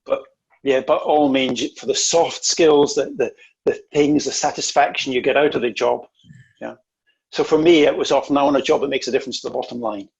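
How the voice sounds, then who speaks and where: A man's voice: medium pitch, fairly quick, gravelly, slightly rough, poor audio. A man presenting an online interview-skills workshop, coaching in an emphatic way and often repeating words.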